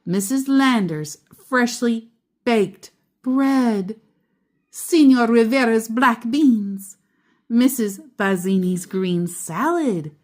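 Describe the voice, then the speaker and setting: A woman with a slightly high, slightly mellow voice reads a children's picture book aloud like a storyteller. She leans dramatically and deliberately on the descriptive words.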